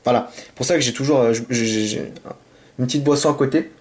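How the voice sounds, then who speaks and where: Quick-paced and medium in pitch, a man with a sore throat from a cold narrates opening card packs at home. After rambling apologies, his casual commentary turns excited over the cards, all picked up by the camera mic.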